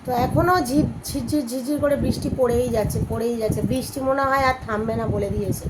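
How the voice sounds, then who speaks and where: Woman, 30s, mother and vlogger with a cold; hoarse, chatty, slightly high voice, noisy phone audio with rain outside. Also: steady tone, fast talker. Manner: chatty, scolds her children in between. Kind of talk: casual home vlog chat.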